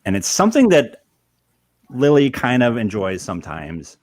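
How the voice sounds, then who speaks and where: A man hosting a casual podcast chat with friends, animated and teasing, laughing often. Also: medium pitch, moderate pace, no echo. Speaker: podcast host.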